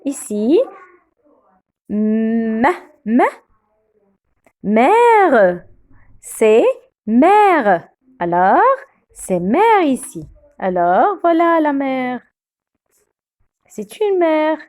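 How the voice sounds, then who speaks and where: A woman teaching beginner French pronunciation, saying each word slowly and repeating it several times. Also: high-pitched, big pitch swings, a little mellow.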